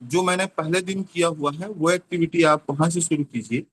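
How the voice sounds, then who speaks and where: A man explaining a teaching method in an online class, slowly repeating example words. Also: a little high, husky. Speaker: teacher training trainer.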